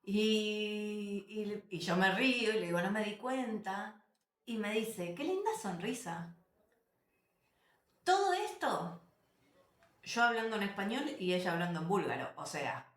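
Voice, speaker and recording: A woman, telling travel stories to camera as a vlogger, animated and emphatic, repeating phrases and addressing viewers directly. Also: mid-range voice, moderate pace. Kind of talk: casual storytelling to camera. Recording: roomy echo.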